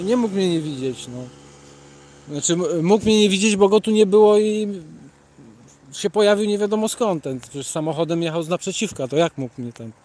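A man with a Polish accent and a high-pitched voice chats casually while walking along a city sidewalk at night. He rambles, reads out the names of viewers from the chat and greets them, talking into his phone. Traffic can be heard passing behind him. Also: a little mellow. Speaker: livestream host reading chat.

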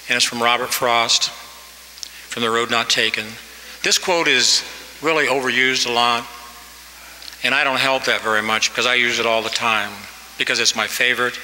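A man in his sixties gives an earnest, exhorting commencement address at a podium mic in a large hall, pushing his voice up for emphasis. His medium-pitched voice sounds pushed and bright, with a little hiss or hum, hall reverb, and faint ambience.

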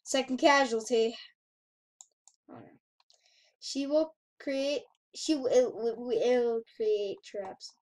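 High-pitched woman narrating a game. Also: steady tone, slow pace, long pauses, a little mellow. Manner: chatty, reads on-screen text aloud and reacts to it. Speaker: gaming channel host. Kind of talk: casual gameplay commentary.

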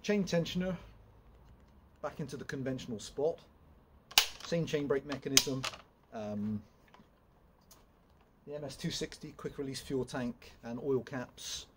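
Speaking in a mid-range voice, the young man takes his time, leaving long pauses in his loose, rambling walkthrough packed with fillers and restarts. He's a chainsaw vlogger in an open woodshed with piles of logs, caught by a camera set some way off against a noisy background.

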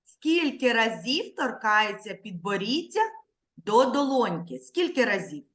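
A woman teacher giving an online literacy lesson to young children over a video call, speaking slowly and clearly, drawing words out syllable by syllable and patiently prompting her pupils. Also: fairly high pitch, very animated, a bit bright. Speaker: primary school teacher.

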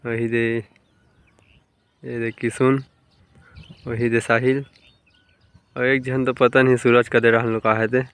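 A man's voice: mid-range voice, flat delivery, slow, long pauses, clear, resonant tone. A young man with a Chhattisgarhi accent, narrating a casual village vlog outdoors by a pond and chatting to viewers as friends. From India. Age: young adult. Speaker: village vlogger.

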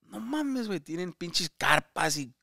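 A man talks loosely on a casual comedy podcast, rambling and switching between Spanish and English, breaking into loud laughter. His voice sits a little high. The sound is dry and close, with no room around it. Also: very animated, unhurried, gravelly, dry recording. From United States. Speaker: comedian co-host.

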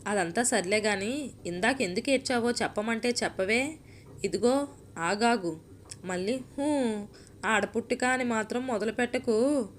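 A woman voicing a patient, puzzled woman friend who keeps asking gentle questions, in a storybook reading. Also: on the high side, unhurried, pauses often, a little hiss or hum, close to an everyday voice. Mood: exasperated.

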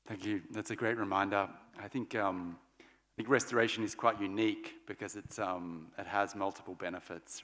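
A man's voice: on the low side, fairly bright tone. A man in his forties moderating a panel from a podium, speaking loosely with fillers and restarts. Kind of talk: live panel wrap-up at a podium. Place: large conference stage hall. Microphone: podium mic. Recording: long hall reverb.

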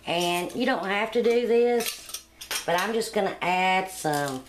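A woman's voice: medium pitch, expressive, slow, background noise. A middle-aged woman hosting a home cooking channel, talking plainly step by step through a recipe in her kitchen. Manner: homey, plain-spoken, step-by-step. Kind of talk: casual cooking demonstration voice-over.

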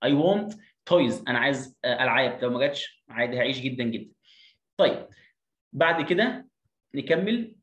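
A man with an Egyptian Arabic accent teaching an English lesson, repeating words slowly to drill their pronunciation. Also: medium pitch, animated, a bit bright, muffled recording. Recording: roomy echo.

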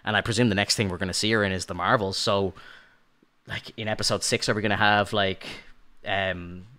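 Bright-voiced man chatting casually. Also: on the low side, fairly even intonation, brisk. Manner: rambling, many fillers and restarts. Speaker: podcast co-host. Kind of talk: casual review chat.

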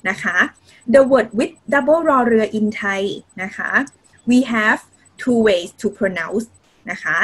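A woman's voice: mid-range voice, breathy edge, low-quality recording. A woman teaching Thai in a video-call lesson, mixing simple English with Thai and adding polite particles often. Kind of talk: online language lesson.

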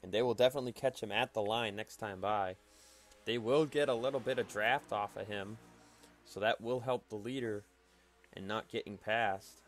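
A man giving calm, analytical play-by-play commentary for a simulated stock car race, with faint noise behind him. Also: on the low side, moderate pace, faint music behind. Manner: calm, analytical play-by-play that rises sharply at wrecks. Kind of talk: solo sim racing commentary.

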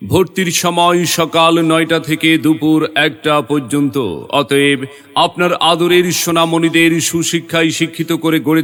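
Male PA announcer, slow sing-song call, fairly high voice, long reverb, music underneath. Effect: public address loudspeaker sound. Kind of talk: promotional loudspeaker announcement.

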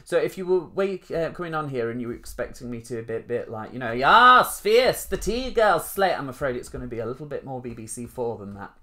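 A man in his thirties with a mild northern English accent talks to viewers on a live stream. His chat is loose and rambling, full of self-mocking asides. His pitch sits at an ordinary middle level. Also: quick pace, hardly any pauses, darkish tone. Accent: Northern English, Rotherham. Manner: chatty, self-deprecating, rambling. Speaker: performer hosting a live stream.

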